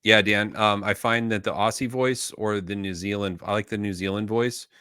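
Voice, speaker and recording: A man with a lowish voice co-hosts a casual knife talk show. He rambles easily, full of ums and uhs. The sound is dry and close, with no room echo. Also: fairly even intonation, moderate pace, bright, forceful tone, smooth. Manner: rambling, easygoing, many fillers. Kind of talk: casual chat.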